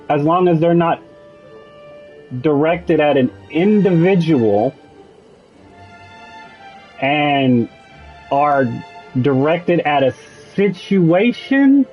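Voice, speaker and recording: Slow, rambling man narrating gameplay. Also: fairly high pitch, highs cut off. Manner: musing, digressive, with frequent restarts. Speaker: gaming streamer. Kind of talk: casual rambling commentary over gameplay.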